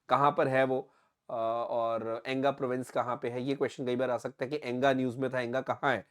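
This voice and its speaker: A young Indian man teaches a current affairs lesson to exam candidates in a mid-range voice. He explains things step by step, often checks that everything is clear, and slips into English phrases.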